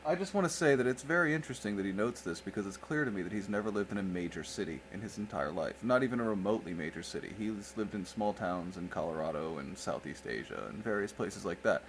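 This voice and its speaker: A man's voice: lowish voice, lively intonation, fast talker, hardly any pauses, slight background noise. A man giving sarcastic, insulting reaction commentary on a video.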